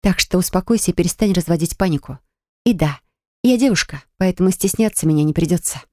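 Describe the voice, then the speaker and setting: A woman's voice: lowish voice, quick pace, darkish tone, no room sound, clean studio sound, natural voice. Woman as a blunt, sardonic tomboyish young woman. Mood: dry. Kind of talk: acted audiobook dialogue.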